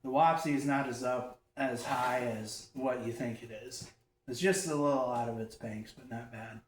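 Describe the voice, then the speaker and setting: A man chatting casually with a friend, blunt and quick to laugh, recorded on a phone across an echoey room. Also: mid-range voice, steady tone, recorded from a distance, slight background noise. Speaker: guest. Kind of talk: casual chat. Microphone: phone across the room, no mic.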